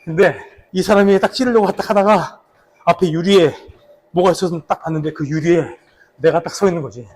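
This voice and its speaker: Male vlogger, slightly high register, a bit raspy, chatting casually and recalling old work as he jogs along. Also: darkish tone. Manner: talking while slow running. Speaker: actor, vlog host. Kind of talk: casual vlog reminiscing about a past drama role.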